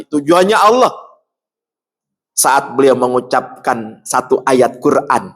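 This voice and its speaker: A man preaching in a mosque, swinging from low storytelling to loud exhortation and quizzing the congregation. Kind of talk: sermon.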